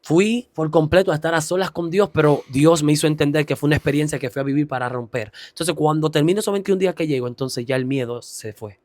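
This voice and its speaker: A man's voice: on the high side, fast talker, hardly any pauses, darkish tone, no room sound. Earnest male guest giving testimony. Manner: earnest, rising into preacher-like emphasis. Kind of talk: personal testimony, preaching cadence.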